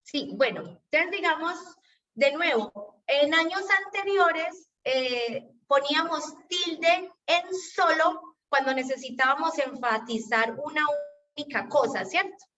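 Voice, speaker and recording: A woman's voice: high-pitched, lively intonation, measured pace, pushed and bright. A woman teacher with a Colombian accent explaining spelling rules in an online class, patiently checking that students follow. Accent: Colombian Spanish. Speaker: teacher leading an exam-prep class. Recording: distant, dull video-call audio.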